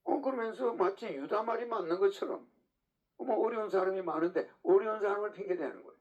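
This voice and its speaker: A man's voice: high-pitched, fast. A man preaching a sermon in a casual, lecturing way, often checking in with rhetorical questions. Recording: dull lo-fi recording.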